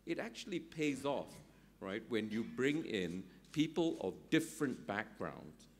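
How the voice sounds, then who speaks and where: A man's voice: mid-range voice, big pitch swings, a little slow, a little hiss or hum. A middle-aged man from Singapore, speaking as a summit panelist. He thinks aloud with many ums and often checks in with "right?". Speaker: conference panelist. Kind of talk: panel discussion at an economic summit.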